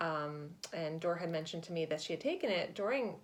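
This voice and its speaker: A woman with a fairly low voice speaks as a nurse in an interview. She explains in a measured, conversational way and chooses her words with tact. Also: animated. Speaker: hospice nurse being interviewed.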